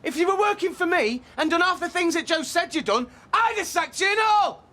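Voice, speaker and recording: A man's voice: extremely high pitch, animated, brisk, bright, forceful tone, heavily acted. A man playing a sarcastic, needling husband arguing with his wife in a TV soap. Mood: shouting. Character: sarcastic young husband in a row. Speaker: actor in a TV soap. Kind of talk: soap opera acting.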